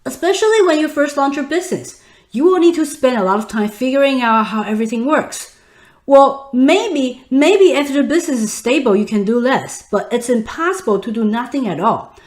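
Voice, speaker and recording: Woman in her thirties, Taiwanese Mandarin accent, webinar host; animated, higher pitch, echoey room. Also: normal speed. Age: 30s. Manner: instructive, addresses the audience directly. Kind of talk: online webinar presentation.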